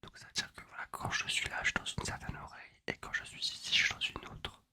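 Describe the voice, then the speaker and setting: A young man whispers a rambling, wry, self-mocking ASMR chat close to a binaural microphone. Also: quick pace. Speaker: ASMR video host. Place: apartment at night. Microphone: close binaural USB microphone.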